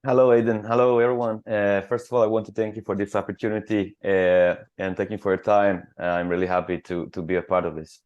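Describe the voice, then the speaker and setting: Croatian man in his thirties, low voice, halting radio interview answers. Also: little pitch movement, dull audio. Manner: halting, many fillers and restarts, earnest. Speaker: futsal club captain.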